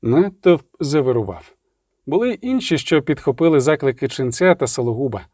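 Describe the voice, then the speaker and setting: A man reading an audiobook in expressive scripted narration. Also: medium pitch, fairly quick, no room sound, studio quality.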